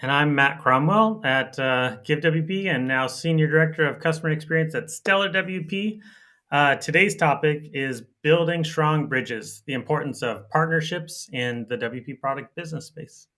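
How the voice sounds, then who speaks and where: A man's voice: fairly high pitch, normal speed, pushed and bright. A man co-hosting a podcast interview, upbeat and affirming, laughing along with guests. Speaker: co-host.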